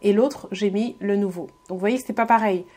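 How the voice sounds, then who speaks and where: Her mid-range, mellow voice moves along fairly quickly as she voices a casual beauty tutorial. The vlogger is friendly, speaks right to her viewers, and hesitates a lot, restarting lines and using plenty of fillers.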